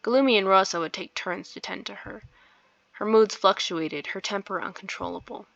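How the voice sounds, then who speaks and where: A woman hosts a let's play, giving giggly, chatty game commentary with informal asides and reading some narration aloud. Her mid-range voice is creaky and a bit bright at normal speed, with no echo. The dull lo-fi mic picks up game music behind her.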